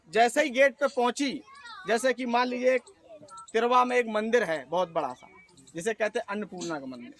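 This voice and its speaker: A man giving an earnest public speech at an organization's meeting and telling folksy stories to the audience. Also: very high-pitched. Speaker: speaker at an organization's review meeting.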